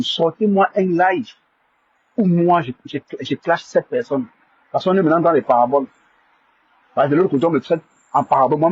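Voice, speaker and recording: A man's voice: on the high side, breathy edge, muffled recording. A man hosting a live stream, stammering and repeating himself as he defends himself to viewers. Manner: indignant, defensive.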